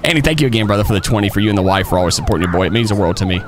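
A man chatting casually as a live game streamer, folksy and excitable as he talks to his viewers and buddies. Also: lowish voice, very fast, background noise. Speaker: streamer and police role-play host. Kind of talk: casual live stream chat while playing.

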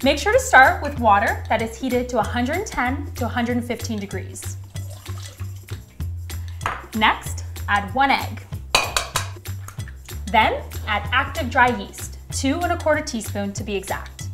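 A young woman co-hosts a comedic cooking show in a home kitchen, walking through each step with a polished presenter's manner. Her voice sits slightly high, and music is clearly heard behind her. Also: expressive, unhurried, long pauses, fairly bright tone. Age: young adult. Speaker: co-host.

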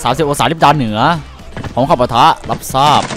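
A man's voice: mid-range voice, brisk, noisy background. A man giving casual, crude, joking commentary while playing a shooter game, with faint music behind him. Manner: excitable, crude banter, sings and jokes mid-fight. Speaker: gaming streamer.

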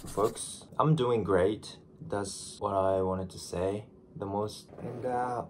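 A lowish, steady, slightly mellow voice speaks slowly here: a groggy Japanese vlogger in his twenties with a Japanese accent, just out of bed. He chats to a desk camera in his small bedroom, self-deprecating and restarting phrases, with a little hiss or hum in the recording.

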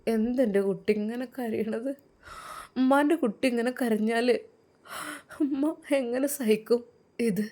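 A woman voicing a grieving, devout older mother who speaks softly and pleads through tears. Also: measured pace, long pauses. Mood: pleading. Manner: pleading, high and soft, tearful tone.

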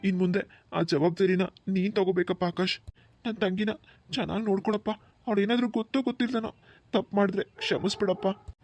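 Cartoon role: a man playing a soft-spoken, tearful elder brother, slightly high voice. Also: quick pace, close to an everyday voice. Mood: tender. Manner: gentle, soft-spoken, emotional pleading. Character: grown man, tearful loving older brother of the bride.

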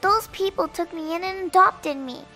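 A woman voicing a sweet, earnest young mermaid girl in an animated game story. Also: very high voice, normal speed, soft background music. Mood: earnest, pleading.

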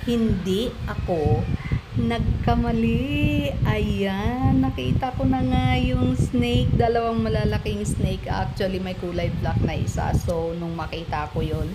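A middle-aged Filipino-accented woman vlogs casually about her travels, talking to her phone camera held at arm's length, laughing easily and mixing in English. Her mid-range voice is slow, and heavy background noise fills the audio as she moves from an outdoor garden restaurant into a car.

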